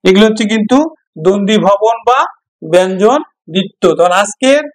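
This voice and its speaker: A man with a Bangladeshi Bengali accent teaches an exam-prep grammar lesson in a fairly high voice. He moves step by step, poses questions to his students and answers them himself. He repeats each example to drive it home. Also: a little fast, low-quality recording.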